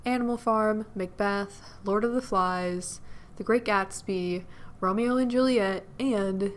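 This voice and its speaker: A young adult woman co-hosting a podcast, relaxed and quick to laugh. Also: medium pitch. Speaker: podcast co-host. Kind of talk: casual chat.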